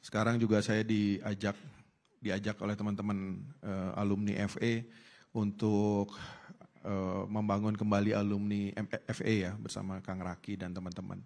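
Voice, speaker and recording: A man in his fifties with a somewhat low voice speaks as a guest on a campus panel. He talks casually and haltingly, pausing with fillers and restarting his sentences. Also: flat delivery, darkish tone. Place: campus auditorium stage.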